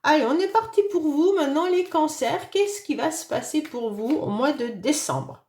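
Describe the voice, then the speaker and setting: Hoarse woman tarot reader, high voice, gentle reassuring delivery, echoey room. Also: expressive, moderate pace. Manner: gentle, reassuring, fond of "d'accord?" and "hein". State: hoarse voice after illness, occasional cough. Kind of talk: monthly astrology reading for a sign.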